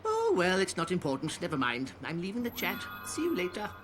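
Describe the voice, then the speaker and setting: A man's voice: high-pitched, huge pitch swings, brisk, soft background music. An actor playing a talkative, teasing old cat man in a video game, with a theatrical, chiding, probing manner. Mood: wry, nonchalant. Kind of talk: English video game voice acting. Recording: clearly noisy game audio with ambience.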